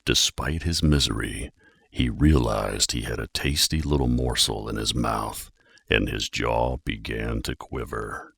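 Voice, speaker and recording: Extremely deep, gravelly male storyteller. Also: fairly even intonation, unhurried, fairly bright tone, dry recording. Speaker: audiobook narrator. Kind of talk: children's storybook narration, scripted.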